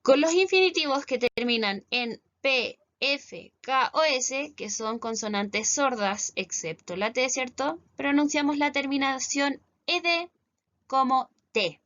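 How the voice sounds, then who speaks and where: A woman's voice: sits high, takes it slowly, a bit bright, dull audio. A woman teacher with a Chilean accent, giving a recorded class step by step and often checking that her students follow. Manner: explains step by step, often asks "¿cierto?" to check understanding. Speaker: English teacher.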